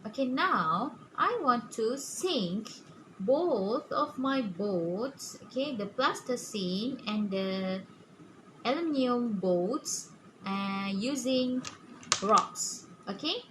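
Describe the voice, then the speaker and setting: A preschool science teacher presents a simple demonstration to young children in a kids show host manner. She has a fairly high voice and speaks very slowly and haltingly, often checking in with "okay?" and other little questions. The room is clearly noisy.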